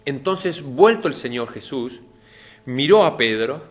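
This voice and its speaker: A man preaching a televised sermon, speaking straight to his listeners and acting out the quoted lines with lively jumps in pitch. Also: unhurried. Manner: animated, acts out quoted lines with rising pitch; addresses the audience directly.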